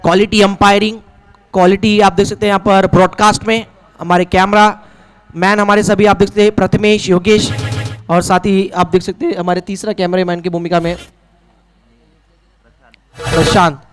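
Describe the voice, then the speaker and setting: High-pitched Indian male cricket commentator. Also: little pitch movement, normal speed, long pauses, clean tone. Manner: repeats scores in English then Hindi. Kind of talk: live ball-by-ball sports commentary.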